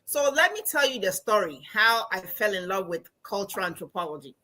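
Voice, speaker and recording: A woman from Ghana with a Ghanaian accent, a guest telling stories in an animated, emphatic way in a casual podcast interview over a call. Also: mid-range voice, a little fast. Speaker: guest, anthropology professor and financial coach.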